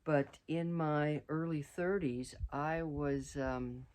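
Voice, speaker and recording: A woman's voice: deep voice, fairly even intonation, slow pace, darkish tone. Middle-aged woman host, casual trail vlog outdoors, rambling delivery with fillers. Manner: rambling, many fillers and restarts. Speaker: vlogger.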